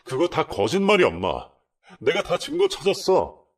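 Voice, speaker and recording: A man voicing an enraged adult son who shouts and curses, his voice set back from the mic. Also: a little high, huge pitch swings, unhurried, voice pushed up, heavily acted. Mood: frantic. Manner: furious, shouting insults.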